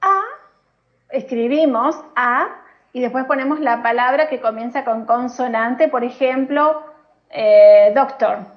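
A woman's voice: fairly high pitch, slow pace, dull audio. A woman with an Argentine accent, teaching English in a casual podcast lesson and explaining patiently with frequent laughter.

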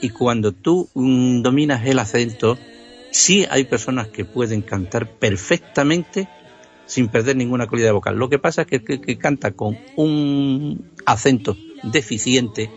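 A man's voice: mid-range voice, unhurried, soft background music. A man from Extremadura with a Spanish accent, explaining the history behind old songs in casual radio conversation, enthusiastic and explanatory. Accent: Spanish from Spain. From Extremadura, Spain. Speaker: music history contributor. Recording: dull lo-fi sound.

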